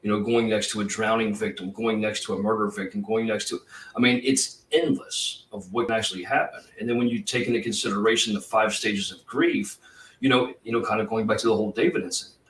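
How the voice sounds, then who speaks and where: A retired police officer talking in a casual podcast conversation, intense and profane, rambling with many fillers. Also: male voice, fairly low pitch, quick pace, a bit bright. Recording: roomy, distant from the mic.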